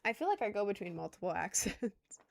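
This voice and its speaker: Very animated and a little fast, her mid-range voice has a gravelly edge. The young content creator, in her twenties and from Maryland, chats casually with livestream viewers, rambling and self-deprecating. Her accent blends light Southern American with New York.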